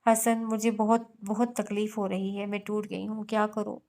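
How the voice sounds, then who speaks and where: A woman's voice: medium pitch, monotone, moderate pace, dark tone, close to an everyday voice. A woman narrator voicing a grieving young woman who pleads through tears. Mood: anguished. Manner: sobbing, pleading outbursts.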